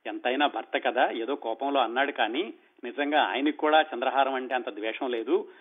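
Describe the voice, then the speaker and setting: A man's voice: mid-range voice, moderate pace, lightly acted. A man voicing a patient young wife in a told story, speaking in a pleading, soothing tone in his own voice, over a tinny phone-like sound.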